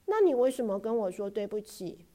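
Woman narrator doing a sulky, stubborn little girl for a storybook, high and shouty. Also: very animated, brisk. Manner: loud, protesting, high-pitched.

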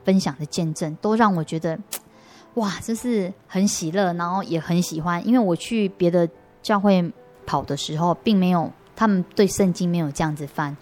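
A young adult woman, an interview guest giving an earnest personal faith testimony, halting and restarting her sentences often. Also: on the low side, darkish tone.

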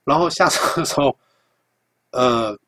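A young man with a Taiwanese Mandarin accent, hosting a podcast and telling a story in a casual, animated, profane way, acting out the dialogue. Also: medium pitch, unhurried. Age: young adult. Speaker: podcast host.

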